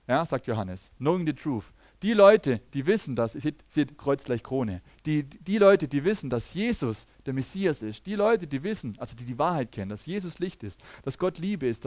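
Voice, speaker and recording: A man giving a teaching sermon, talking lively, often checking in with listeners and acting out the people he quotes, with frequent restarts. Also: mid-range voice, dry recording. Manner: restarts sentences and acts out quoted speakers. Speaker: preacher.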